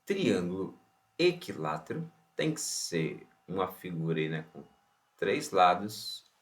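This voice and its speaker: A man's voice: sits low, sing-song, slow pace. A Brazilian man teaching an online science lesson, asking rhetorical questions and then answering them himself. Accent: Brazilian Portuguese. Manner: opens with a Bible verse and blessing.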